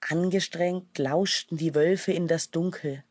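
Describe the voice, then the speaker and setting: Low, slow woman storyteller. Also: no echo, studio quality. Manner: calm and measured. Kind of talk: children's storybook narration.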